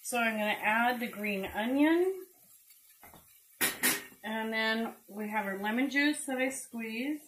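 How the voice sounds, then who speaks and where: Middle aged lady talking thru a recipe, slow n easy, lots of ums, pan sizzling loud in the back. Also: on the high side, heavy background noise. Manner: chatty, unhurried, lots of ums. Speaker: cooking show host. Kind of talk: casual cooking demonstration. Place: home kitchen, indoors. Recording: roomy kitchen with sizzling pan. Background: frying and sizzling food.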